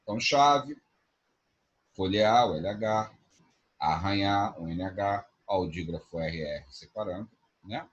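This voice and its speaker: A man's voice: lowish voice, takes it slowly, long pauses, highs cut off. A man with a Brazilian Portuguese accent, teaching a class and explaining each point with frequent tag questions. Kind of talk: online class lecture.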